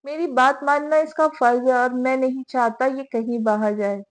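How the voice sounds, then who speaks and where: A woman's voice: high voice, steady tone, moderate pace, lightly acted. A woman reading as a hot-tempered young husband. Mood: commanding. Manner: curt, commanding.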